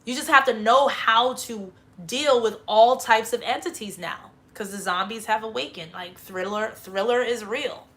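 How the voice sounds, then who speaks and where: A woman's voice: fairly high pitch, normal speed, hardly any pauses, fairly bright tone. A woman hosting a livestream, giving a rambling spiritual monologue full of swearing and emphatic bursts. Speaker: livestream host.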